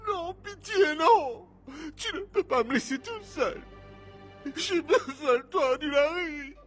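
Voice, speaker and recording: A man's voice: very high voice, lively intonation, a little slow, fairly bright tone, faint music behind, exaggerated voice. A man voicing a melodramatic older sibling in a dubbed cartoon, wailing and theatrical. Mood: pleading tearfully.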